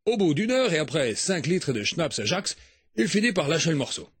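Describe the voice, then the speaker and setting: Theatrical man with a husky voice. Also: fairly high pitch, very animated, normal speed, dry recording, studio quality. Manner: theatrical, mock-poetic, exaggerated. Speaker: radio morning show comedian. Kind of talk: comic monologue.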